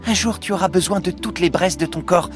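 A man's voice: high-pitched, a little fast, over music, voice pushed up, lightly acted. Narrator as fierce proud dragon boy, stern, storybook.

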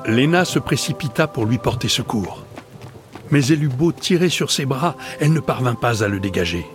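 A man's voice: mid-range voice, animated, normal speed. Male audiobook narrator, dramatic storytelling, faint music and rain.

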